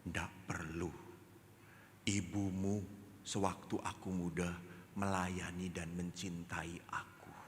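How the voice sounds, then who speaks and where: A priest voicing a gentle old husband, hushed. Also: male voice, sits low, level tone, slight background noise, pitched below the performer's own voice. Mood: tender, hushed. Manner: hushed, slow and tender. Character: elderly devoted husband, quiet and gentle. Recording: long reverb of a large hall.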